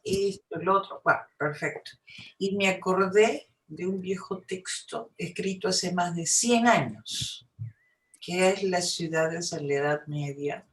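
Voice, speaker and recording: A woman from Peru with a Peruvian Spanish accent gives an informal academic talk in a conversational way, often adding little tag questions. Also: lowish voice. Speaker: academic, film historian speaking at a seminar. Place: seminar room, indoors. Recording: echoey room sound.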